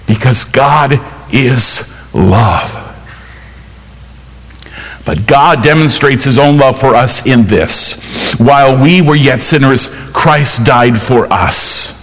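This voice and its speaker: A man preaching a sermon in an earnest, measured way, quoting scripture as he goes. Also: mid-range voice, a bit bright, in a large hall, low-quality recording. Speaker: pastor.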